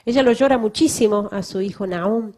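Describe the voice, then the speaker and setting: A woman's voice: mid-range voice, fairly quick, dark tone. A woman missionary giving a testimony to a church audience, emphatic and full of rhetorical questions. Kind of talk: public talk to a church audience.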